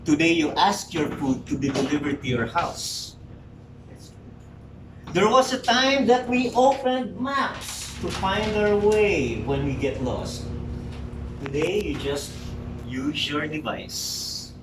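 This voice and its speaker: In a meeting room before a live audience, a public speaker in his forties speaks slowly in a slightly high voice. His prepared speech is emphatic and rhetorical, aimed straight at the crowd, and the distant mic captures a roomy, noisy hall.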